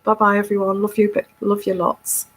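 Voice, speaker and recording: Her voice level, a little fast, and a bit bright, a tarot reader with a stuffy nose from a cold talks casually in a middle pitch, with a little hiss or hum audible. In this chatty solo video monologue she stumbles over repeated words, restarts a lot, and keeps adding "okay?"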